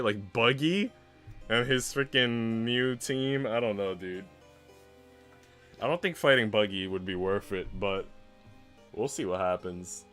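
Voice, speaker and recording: Mixing read-aloud narration from a visual novel with casual stream chatter, this man talks in slang and mild swearing. His pitch is fairly low, and his tone is fairly bright.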